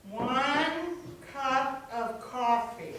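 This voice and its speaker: A woman's voice: high voice, drawn-out words. A woman acting an anxious runaway starlet who clumsily poses as a waitress, nervous and overeager, in a stage comedy. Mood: nervously bluffing. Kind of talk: amateur comic stage play. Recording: distant echoey hall, noisy, clicks.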